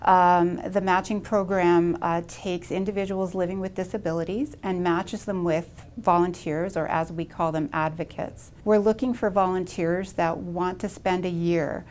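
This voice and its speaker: A woman's voice: fairly low pitch, fairly even intonation, moderate pace, hardly any pauses, darkish tone, a little hiss or hum. A middle-aged woman explaining her organization in an interview, earnest and with fillers, in an office. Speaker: executive director. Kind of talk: interview answers. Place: office indoors.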